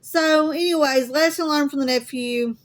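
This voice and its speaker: A woman's voice: high voice, moderate pace. A middle-aged woman with a Southern US accent chatting casually to her viewers, folksy and talkative, with an asthmatic cough. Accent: Southern US (Alabama). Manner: chatty, folksy, says y'all often. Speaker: crafting vlogger.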